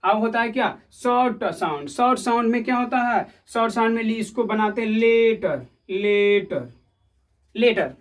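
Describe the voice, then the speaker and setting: Classroom teacher quizzing pupils from afar. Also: male voice, extremely high pitch, moderate pace, few pauses. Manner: repetitive, quizzing the class with questions. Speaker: English grammar teacher. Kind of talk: classroom lesson. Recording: voice heard from a distance.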